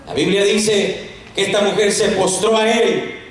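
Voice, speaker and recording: A male evangelist preaching an impassioned sermon, fervent and shouting at times, recorded from far off in a church. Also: fairly even intonation, measured pace. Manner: fervent, shouting, swinging from loud to low. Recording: echoey church, voice from far off, faint noise.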